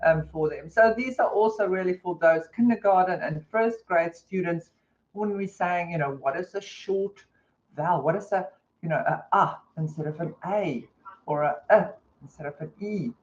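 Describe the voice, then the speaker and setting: A woman's voice: fairly low pitch, moderate pace, a little mellow. A woman with a New Zealand accent presents a teaching webinar in a chatty, conversational way, with many fillers. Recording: dull lo-fi webinar audio.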